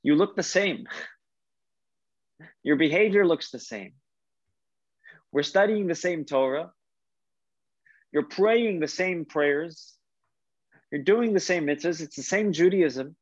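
A man's voice: on the high side, takes it slowly, pauses often, no echo, lo-fi sound, pitched above the performer's own voice. A man voicing a skeptical older father-in-law who scoffs and challenges, told within a lesson. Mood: baffled.

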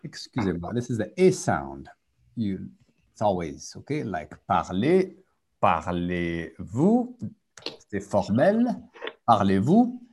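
A man's voice: on the low side, huge pitch swings, slow pace, a little mellow, breathy edge. A man teaching a live French group lesson over a video call, switching between French and English and drilling repetition.

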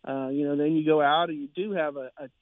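A man, a sports writer guest, talks high school and college football in a rambling way, full of fillers and restarts. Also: fairly even intonation, fast, dry recording. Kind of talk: casual sports talk. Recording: tinny phone line.

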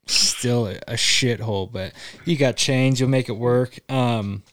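A young man hosts a casual podcast chat, easygoing and jokey, tossing questions to his friends and throwing in quick jokey asides. His voice is medium pitch with a fairly bright tone.

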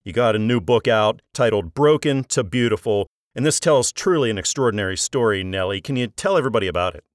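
A man's voice: fairly low pitch, expressive, quick pace, no room sound, studio quality. A man hosting an author interview show, asking friendly questions and promoting the books.

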